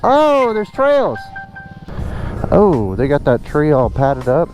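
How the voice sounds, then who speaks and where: Excitable man on a bumpy ride, loud music. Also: medium pitch, takes it slowly, lo-fi sound. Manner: excitable, exclaiming, slangy bro talk; talking while jostled on a bumpy ride, with effort. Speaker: vlogger riding a dirt bike. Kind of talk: casual off-the-cuff ride commentary. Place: outdoors on a moving motorbike on woodland trails.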